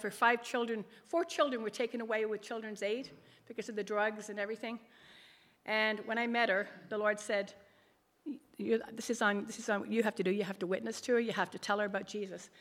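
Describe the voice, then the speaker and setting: This middle-aged woman's big, emphatic voice is a little high and fairly bright as she gives a rambling, earnest personal testimony. She is a lay ministry leader speaking to an audience at a church gathering, recorded in a large, reverberant hall.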